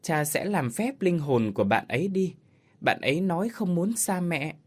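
A frightened, tearful little girl pleads in a high, thin voice for a spoken ghost story, as a man narrator puts her on. Her voice climbs well above his own and jumps around as she begs. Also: animated, moderate pace, husky.

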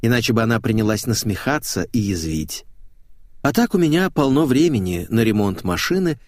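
A man's voice: medium pitch, very animated, normal speed, dry recording, clean studio sound. A man narrating a comic novel in the first person, wry and self-mocking. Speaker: audiobook narrator.

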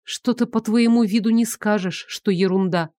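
A prickly young woman who is easily riled, as the woman reader puts her on. She speaks in a mid-pitched voice, sharp and scolding, in a dry, close audiobook read. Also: moderate pace, dry recording, lightly acted. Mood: wary. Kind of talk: audiobook character voice.

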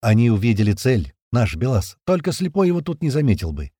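A man's voice: mid-range voice, sing-song, brisk, warm tone, breathy edge, no echo. A man narrating a first-person audiobook in a conversational tone with casual swearing, close to the mic.

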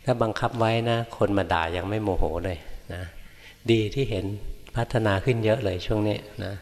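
Older male monk teacher, low voice, patient questioning, reverberant hall. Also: normal speed. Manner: gentle, repetitive checking questions. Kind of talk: dharma Q&A guidance. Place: monastery hall. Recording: echoey hall.

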